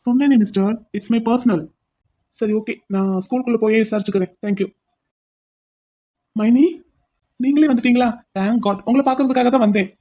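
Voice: medium pitch, normal speed, pauses often, warm tone, close to an everyday voice. A voice actor playing an insistent, pleading young man in a cartoon. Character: brash young man pining for his brother's sweetheart.

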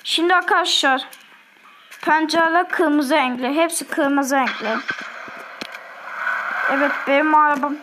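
A woman's voice: high-pitched, a little slow, long pauses, sharp tone, slight background noise, rough recording. A woman with an Azerbaijani accent giving chatty, repetitive gameplay commentary and keeping up a running talk with her viewers. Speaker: gaming video host.

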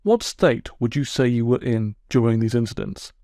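A man voicing a calm male heron counsellor who asks patient, probing questions in a measured way. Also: mid-range voice, dry recording, studio quality, close to an everyday voice.

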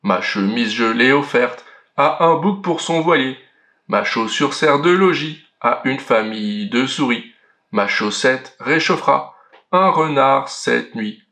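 A man voicing a kind, proud male giant in a children's storybook reading, with a slow, sing-song, boasting refrain. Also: mid-range voice, expressive, bright, forceful tone, pitched below the performer's own voice, exaggerated voice. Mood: boastful singsong. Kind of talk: storybook read-aloud.

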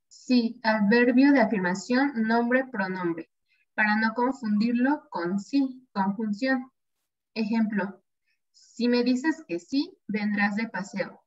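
Slow Mexican woman student reading aloud. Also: a little high. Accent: Mexican Spanish. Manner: careful, slow reading of examples. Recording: dull video call audio.

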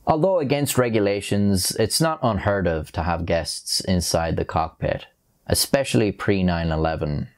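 A young man with a very low voice narrates from a script in a measured, grave way. He speaks into a lapel mic on a dark studio set, telling the story steadily. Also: gravelly. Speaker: documentary narrator.

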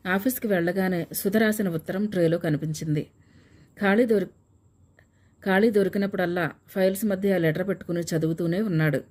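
Woman reading an audiobook, calm and steady, lowish voice. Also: brisk. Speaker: audiobook narrator. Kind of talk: scripted story narration.

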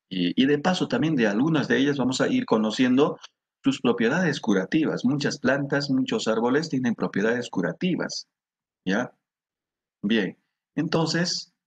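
A middle-aged man with a Peruvian Spanish accent teaching a class, slowly repeating words for students to echo. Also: medium pitch, slightly rough. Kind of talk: classroom lesson.

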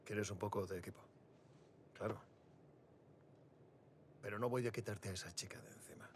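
An actor playing a guarded younger brother. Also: male voice, fairly low pitch, steady tone, moderate pace, a little hiss or hum, lightly acted. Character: protective younger brother, settlement leader. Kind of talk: Spanish video game dub.

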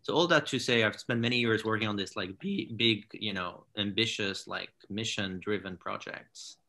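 Deep-voiced man, halting on a video call. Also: gravelly, bright, forceful tone. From Morocco. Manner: hesitant, many fillers and restarts. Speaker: founder and CEO, guest. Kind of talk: casual interview on a video call. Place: home living room with large window. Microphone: laptop or webcam on a video call.

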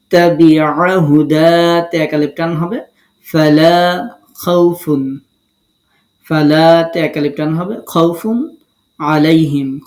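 A Quran recitation teacher from Bangladesh giving a step-by-step lesson, breaking words into syllables and spelling out each rule deliberately. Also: mid-range voice, darkish tone, roomy sound.

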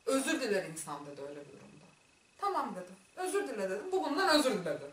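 Lively woman telling a story, echoey room. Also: a little high, very fast. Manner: lively, acts out dialogue, laughs often. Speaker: vlogger. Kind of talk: animated storytelling. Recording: echoey room, mic far off.

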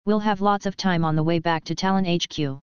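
A big, boisterous male mercenary, as a woman narrator puts him on, full of jokey, overfamiliar charm with menace underneath. The voice is low and smooth. The recording is dry and close, with a slightly dull tone. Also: steady tone, a little fast, no room sound, close to an everyday voice. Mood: breezy menace.

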